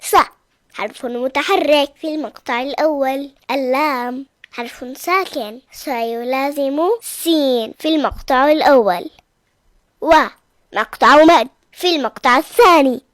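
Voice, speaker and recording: A performer voicing an eager young child pupil in a cartoon lesson, answering slowly and carefully. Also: sits high, a bit bright, no echo, studio quality.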